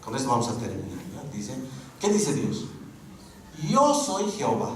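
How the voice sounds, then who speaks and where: A man teaching a Bible course, lecturing a class with lively rhetorical questions. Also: medium pitch, moderate pace. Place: school classroom. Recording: very echoey room, mic far off, faint noise.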